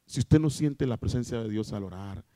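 A male pastor preaching a sermon, swinging from shouting to soft and calling out to the congregation for amens. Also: fairly low pitch, lively intonation, moderate pace, dry recording. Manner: addresses congregation as brother, calls for amens.

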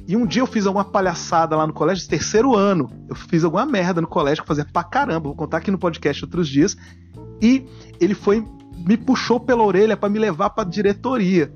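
A man's voice: sits high, lo-fi sound. A man in his forties hosting a casual comedic podcast, reacting to guests' stories and joking a lot. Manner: jokey, animated, acts out silly voices. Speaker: podcast host.

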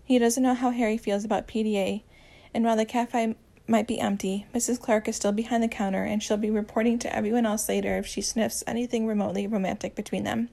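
A woman reading a romance story aloud, with a gentle, even storytelling manner and small voice changes for the dialogue. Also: on the high side, fast, gravelly, hardly any pauses. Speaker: audiobook narrator.

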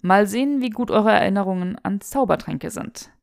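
A woman's voice: mid-range voice, expressive, moderate pace, creaky, no echo, clean studio sound. A woman voicing a mischievous young wizard who talks in a teasing, showy, mock-indignant way.

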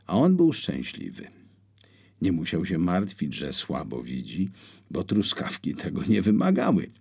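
Deep, gravelly male audiobook narrator. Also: unhurried. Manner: expressive storytelling with wide swings in pitch.

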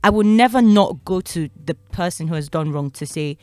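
Lady cohost, lowish voice, talks things through, dry close sound. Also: expressive, moderate pace, darkish tone, dry recording. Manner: thoughtful, reasoning aloud. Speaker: podcast co-host. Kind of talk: casual chat.

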